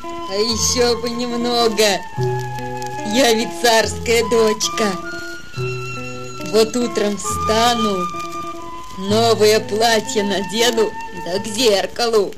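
A woman's voice: a little high, fairly even intonation, takes it slowly, long pauses, over music, low-quality recording. A woman playing a vain, naive young tsar's daughter in a fairy-tale audio drama, languid and self-admiring.

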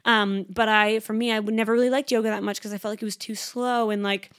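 A young woman in her twenties hosting a casual solo podcast, talking fast and chatty with lots of "like" fillers. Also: mid-range voice, flat delivery, clean tone, no echo, studio quality. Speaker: podcast host.

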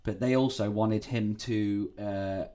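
A man's voice: lowish voice, fairly even intonation, takes it slowly, warm tone, a little hiss or hum. A man co-hosting a casual podcast, rambling and swearing freely as he tells a story. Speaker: podcast co-host. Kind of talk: casual true-crime podcast chat.

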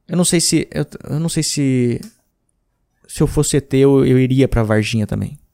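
A man's voice: mid-range voice, moderate pace, vocal fry, warm tone. A man in his thirties from Brazil, hosting a podcast and chatting informally about listener messages, rambling with slang and restarts. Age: 30s. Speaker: podcast host. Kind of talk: casual podcast chat reading listener messages.

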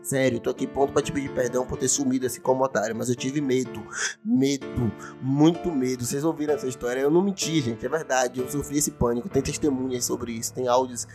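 A young man telling a comic story from his own life, animated and full of swearing and repetition. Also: medium pitch, quick pace, music in the background. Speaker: podcast storyteller. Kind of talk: comic first-person storytelling.

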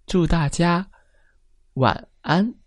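A woman telling a bedtime story to children in a gentle, sing-song manner. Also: fairly low pitch, very slow, no echo.

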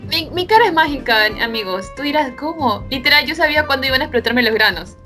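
A young woman with a high, bright voice tells a funny story to her co-hosts, animated and laughing. Soft music plays faintly behind her. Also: fast. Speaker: podcast co-host. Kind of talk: casual storytelling chat.

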